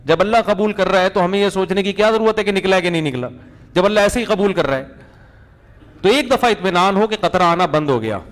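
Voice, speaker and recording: A man as a religious cleric answering listeners' questions in a colloquial, humorous way, full of anecdotes. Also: high-pitched. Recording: reverberant hall.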